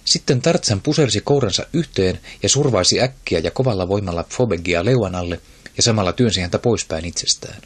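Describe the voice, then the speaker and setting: A man narrating an audiobook in a steady, even storytelling manner. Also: deep voice, breathy edge. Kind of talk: scripted narration.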